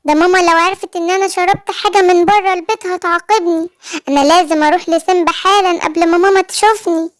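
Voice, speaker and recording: Little cow girl, woman voicing her, Egyptian accent, very high squeaky voice, fast talk, anxious, cartoon story. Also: steady tone. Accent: Egyptian Arabic. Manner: squeaky childlike voice.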